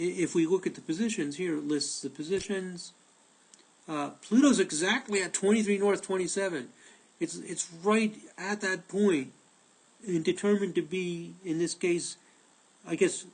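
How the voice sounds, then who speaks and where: Rambling man teaching, slightly high voice. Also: a little mellow, low-quality recording. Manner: rambling, many fillers and restarts. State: losing his voice. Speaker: astrology teacher. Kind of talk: informal screen-recorded tutorial.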